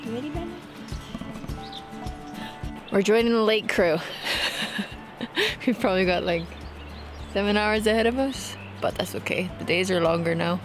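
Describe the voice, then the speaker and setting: A woman's voice: medium pitch, animated, measured pace, long pauses. A young woman narrating her travel vlog in a chatty, upbeat way, laughing often. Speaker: travel vlogger. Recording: background music under voice.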